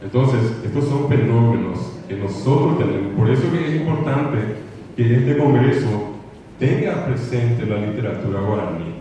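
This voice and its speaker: A man speaks at a congress in a lecture hall, his Paraguayan Spanish accent clear as he lectures earnestly and repetitively, at times mimicking children's mispronunciations. His mid-range voice is mellow and animated, at normal speed. The distant, echoey recording sounds dull and has slight background noise.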